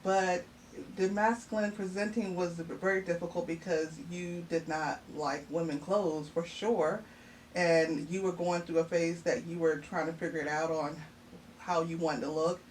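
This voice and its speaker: A middle-aged woman, the host's mother, appears as a podcast guest, chatting casually and reflectively with frequent laughter and lots of fillers. Her voice sits on the low side, a little mellow, with a steady tone and measured pace. The mic is distant and picks up faint noise.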